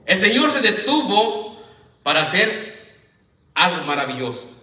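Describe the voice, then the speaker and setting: Preaching to his congregation, a man reads scripture aloud at a measured pace, his high, sharp voice swinging widely in pitch. He calls people "hermano" and repeatedly asks "¿verdad?" ("right?"), captured from a distance in an echoey church.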